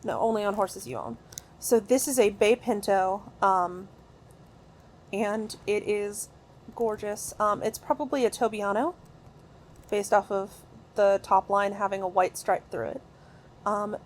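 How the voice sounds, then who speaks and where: A woman giving casual, excitable gameplay commentary from her recording room at home, rambling with many fillers and restarts. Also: medium pitch, a little hiss or hum. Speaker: gaming video creator.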